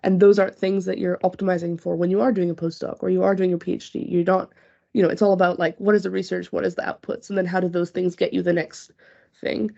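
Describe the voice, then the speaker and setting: A podcast host moderating a panel discussion, speaking briskly and prompting the guests with "mm-hmm" and "yeah". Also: mid-range voice, level tone, vocal fry, mellow, muffled recording.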